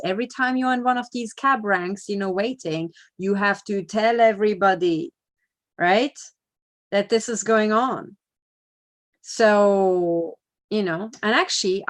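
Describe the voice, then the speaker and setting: Blunt, chatty woman giving a casual report. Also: mid-range voice. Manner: emphatic, chatty, peppered with "you know" and "right?"; blunt, swears freely. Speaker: activist giving a video report. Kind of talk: casual spoken monologue.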